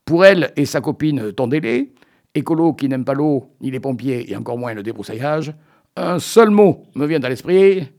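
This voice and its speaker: A man's voice: medium pitch, animated, moderate pace, a little mellow. A man in a radio studio delivering a comic radio chronicle in a playful, teasing, mock-solemn way. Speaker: radio columnist.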